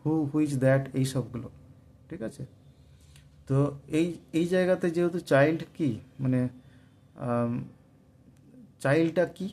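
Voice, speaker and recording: A man with a Bengali accent teaching English grammar, asking and answering his own questions and slowly dictating example sentences. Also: fairly high pitch, creaky, darkish tone. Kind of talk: grammar lesson explaining answers.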